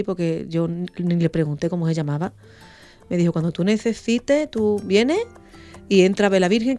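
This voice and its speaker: A woman, a radio guest telling an emotional story and acting out the quoted voices. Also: fairly low pitch. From Andalusia, Spain. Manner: animated, acts out quoted dialogue.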